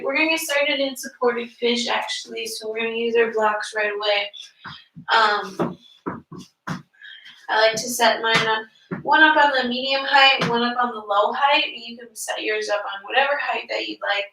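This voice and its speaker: A young woman with a stuffy nose leads a live-streamed yoga class, her slightly high voice carrying a sharp tone. She talks casually and uses lots of fillers, and the recording sounds roomy, as though she is far from the mic.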